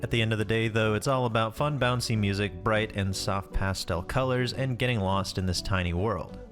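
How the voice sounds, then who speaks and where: Low-voiced man, casual game commentary over music. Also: normal speed, a bit bright. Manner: informal, wry, swears casually. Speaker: YouTube game preview host. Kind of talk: casual scripted video commentary. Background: music behind the voice.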